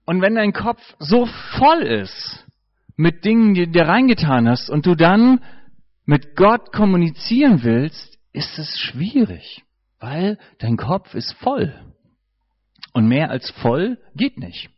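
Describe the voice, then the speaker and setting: A man's voice: high voice, very animated, takes it slowly, no room sound, lo-fi sound. A man preaching a sermon in a conversational way, joking and putting questions to his audience.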